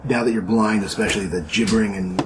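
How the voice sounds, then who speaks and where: A man running a tabletop game as game master, pausing and restarting as he explains the rules. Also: fairly low pitch, fairly even intonation, noisy background.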